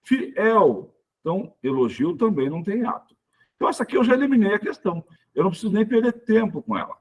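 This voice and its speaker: Husky teacher drilling exam points. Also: male voice, high voice, sing-song. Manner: explains step by step, checks in with "tá?" and "certinho?"; stresses each example word loudly and slowly. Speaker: Portuguese teacher. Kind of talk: exam prep lesson.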